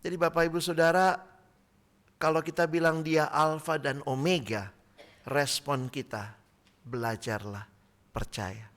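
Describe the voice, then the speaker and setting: A male pastor preaching a sermon, telling a story with lively acted-out voices. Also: a little high, measured pace. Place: church.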